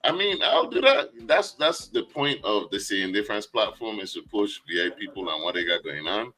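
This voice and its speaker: Island-host guy, bright forceful voice, loose and slangy, a bit of music faint behind. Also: fairly low pitch, lively intonation, normal speed, poor audio. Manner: easygoing, laughing, slangy questions. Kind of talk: casual interview chat. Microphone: live stream call.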